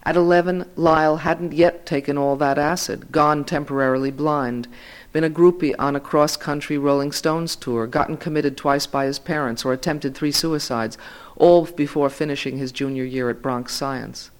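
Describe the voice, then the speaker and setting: Measured man reading literary fiction. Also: on the high side, fairly even intonation. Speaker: reader.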